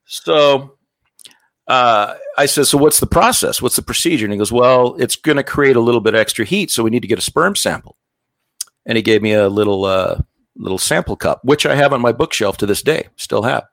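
A man's voice: medium pitch, lively intonation, a little fast, vocal fry, fairly bright tone, no room sound. A middle-aged man telling a long comic story on stage, acting out the other people's lines. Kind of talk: stand-up storytelling.

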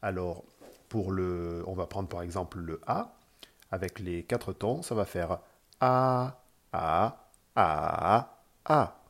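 A man's voice: low-pitched, unhurried, a little mellow. A man hosting a podcast lesson, patiently explaining pronunciation with frequent hesitations. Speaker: podcast host teaching Mandarin tones. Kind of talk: spoken language lesson.

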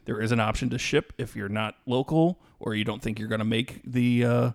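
A mid-pitched man co-hosts a podcast in casual chat, easygoing and a little halting. His voice sounds dry and close. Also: fairly even intonation, gravelly, no room sound. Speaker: podcast co-host.

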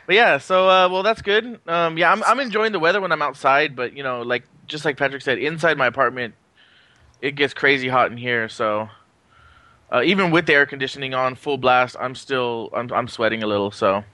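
A man hosting a podcast in a casual, halting, rambling way from his apartment. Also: medium pitch, pushed and bright, no echo. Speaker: podcast host. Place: apartment, remote recording.

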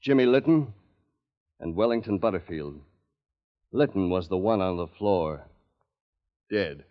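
A man's voice: low voice, lively intonation, a little slow. An actor playing a tough male private detective who narrates in a clipped, terse, hard-boiled manner, in 1940s radio acting style. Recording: dull old radio recording with music.

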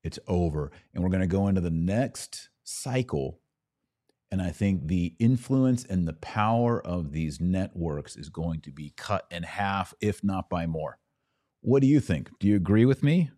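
In clean studio sound with no room tone, a podcast host with a low, expressive, mellow voice speaks a little slowly. He chats casually with viewers, reading out and commenting on their messages with wry joking asides.

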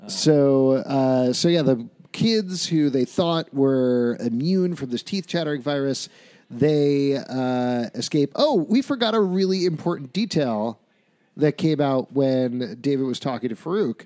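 A man's voice: mid-range voice, expressive, unhurried, darkish tone, no room sound. A man hosting a casual podcast chat about a TV show, recapping the plot and joking around. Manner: leads the talk, recaps plot, jokes around. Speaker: podcast host.

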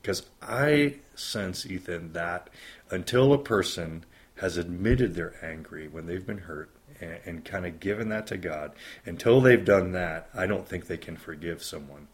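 A pastor in his fifties talks in an earnest, reflective way during an interview, stacking up lists to make his points. His voice sits very low and has a husky, breathy edge. He keeps a thoughtful, steady delivery throughout. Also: a little slow. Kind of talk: interview conversation.

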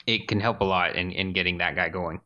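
A man hosting a podcast, giving brisk, upbeat tips in casual chat. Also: sits low, fairly even intonation, sharp tone. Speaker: podcast host. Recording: dull lo-fi sound.

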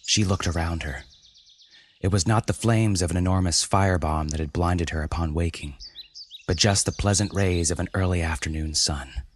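A man reading a scripted fantasy story aloud in a dramatic, measured way. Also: low voice, heavy background noise.

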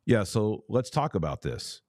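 A very deep, mellow-voiced man delivers religious commentary as a podcast host, didactic and emphatic, with a sing-song quality and deliberately set-out phrases. The sound is dry and close, with no echo.

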